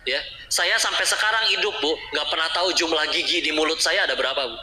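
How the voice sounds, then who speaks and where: A man's voice: a little high, fast, sharp tone. A man preaching a humorous sermon, teasing his audience with questions. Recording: roomy hall with clear background noise.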